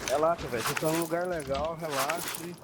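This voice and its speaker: A man's voice: a little high, steady tone, quick pace. A Brazilian man chatting casually with his squad as a teammate in an online game. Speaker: gamer, teammate. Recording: clear game noise and clicks.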